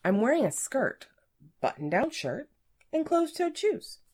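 A woman's voice: high voice, sing-song, measured pace, darkish tone, pitched above the performer's own voice. A woman doing a cheeky young office guy. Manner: polite, cheeky, mock-innocent. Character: cheeky, innocent-acting young man employee.

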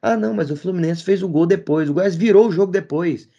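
A man's voice: sits high, brisk, creaky, dark tone, highs cut off. A man, co-hosting a football debate show, mocking his opponent with repeated teasing. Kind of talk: heated sports debate.

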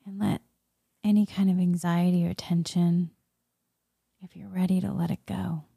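Soft, whispery woman guiding meditation, very mellow. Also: fairly low pitch, little pitch movement, normal speed, dry recording, clean studio sound. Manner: soft, breathy, soothing spa-like murmur, often slipping into whisper. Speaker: guided meditation leader, Reiki healer.

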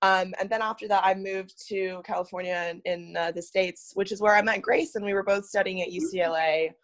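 A woman's voice: medium pitch, fairly even intonation, fairly quick. A young woman from Singapore, a podcast guest, telling her story in a thoughtful, casual way. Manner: thoughtful, many fillers and restarts.

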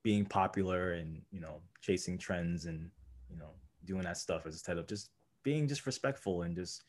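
A man's voice: sits low, moderate pace, darkish tone. A young man, a guest, telling a story casually and filling his talk with "like" and "you know". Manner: rambling, heavy use of "like" and "you know".

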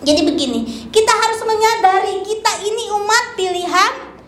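A woman in her forties delivers a church sermon with a very high voice. She preaches in a lively, humorous storytelling way. The sound is very echoey, as if recorded in a large church hall. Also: moderate pace, a little hiss or hum. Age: 40s.

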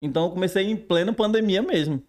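A man, a teacher, chatting casually on a podcast in a quick, self-deprecating way. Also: sits high, darkish tone. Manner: fast-talking, self-deprecating. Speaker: teacher and new online creator.

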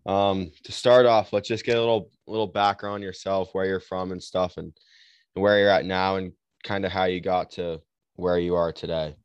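Male podcast host, smooth clear voice, dry close sound, casual and rambling. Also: low-pitched, steady tone, normal speed, no room sound, muffled recording. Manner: rambling, restarts questions. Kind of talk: casual interview questions.

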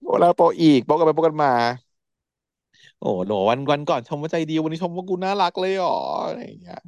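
A man's voice: a little high, quick pace, creaky, no echo, highs cut off. A man co-hosting a casual podcast chat, recapping a series with frequent laughs and acted-out quotes. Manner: animated, laughing often, acts out characters' lines. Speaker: podcast co-host.

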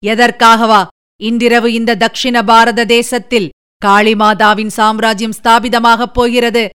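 Villain: a woman doing a domineering male sorcerer priest, booming and commanding, smooth clear voice, storybook reading. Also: level tone, a little slow, fairly bright tone. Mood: roaring, furious.

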